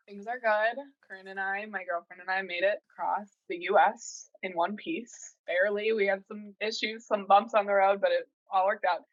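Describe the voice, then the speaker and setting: A woman's voice: medium pitch, a bit bright, dry recording. Laid-back young woman on a dull call line. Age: 20s. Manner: chatty and laughing, swears casually. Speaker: podcast co-host. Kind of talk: casual chat. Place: her new apartment, indoors. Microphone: video call. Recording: dull dry video-call audio.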